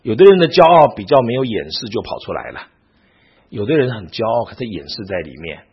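A man's voice: lowish voice, very animated, a little fast, slightly rough, highs cut off. A man teaching a Bible class in a sermon style, asking his listeners frequent rhetorical questions.

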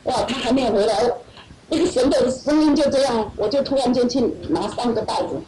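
Animated woman telling her testimony. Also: a little high, fairly quick, very noisy. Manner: animated, laughing often, acts out others' voices. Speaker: church member giving testimony. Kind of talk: personal testimony storytelling. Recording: echoey hall, far from mic, loud audience.

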